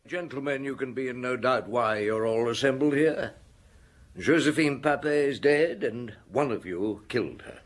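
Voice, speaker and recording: An actor playing a stern, blunt police chief inspector in a radio drama, questioning in a curt, authoritative, husky voice. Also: male voice, medium pitch, moderate pace, lightly acted. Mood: commanding.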